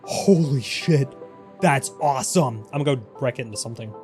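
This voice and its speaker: A man giving excitable let's play commentary, swearing and laughing often as he plays. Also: medium pitch, fast talker, soft background music. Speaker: gaming YouTuber.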